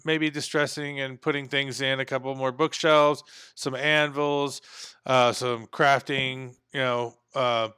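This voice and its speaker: Bright-voiced man rambling over gameplay. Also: a little high, clear, resonant tone. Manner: rambling, thinks aloud, hums to himself. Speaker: gaming channel host. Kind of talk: casual gameplay commentary.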